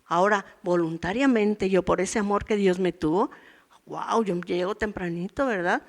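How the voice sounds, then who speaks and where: A woman's voice: mid-range voice, moderate pace. Woman in her sixties, women's ministry teacher; conversational sermon with acted-out asides. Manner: conversational preaching, acts out voices from daily life and her past.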